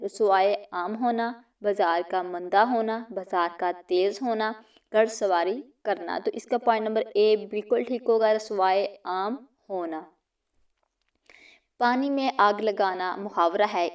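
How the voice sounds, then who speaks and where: A woman's voice: medium pitch, far from the mic. Woman reading quiz questions aloud. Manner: reads each question and options, then states the answer. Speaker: teacher. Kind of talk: exam prep lesson reading multiple-choice questions.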